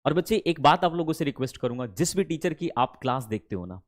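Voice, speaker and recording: Animated and chatty, a higher-pitched male English teacher drills pronunciation in an online spoken-English class, dragging out his lines. He refers to the students warmly as kids, mixes in Hindi with English, and slows down to elongate English phrases.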